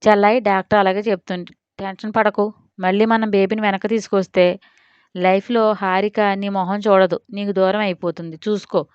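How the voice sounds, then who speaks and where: A woman reading out a scheming brother in a storybook drama, sly and coaxing as he talks his sister round. Smooth, dry voice on a dull recording. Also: mid-range voice, level tone, brisk, darkish tone, dry recording, close to an everyday voice. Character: scheming manipulative older brother.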